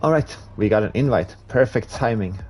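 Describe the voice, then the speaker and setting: While racing on a live stream, this man from Sweden chats easily with viewers, reads the chat aloud and laughs at himself. Swedish is his first language, not English. His voice is fairly low and darkish, at a moderate pace, over soft background music.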